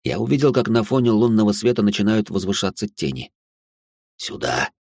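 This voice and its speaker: Dry, low-voiced male story narrator. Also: fast, dry recording. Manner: tense, expressive, rising to outbursts. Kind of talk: dramatic first-person audiobook narration.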